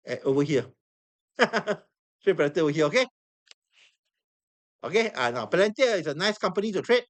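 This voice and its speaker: A man with a Singaporean English accent and a voice on the high side instructs a live trading class. He's hoarse because his voice is going, often repeats himself and quizzes the room with questions.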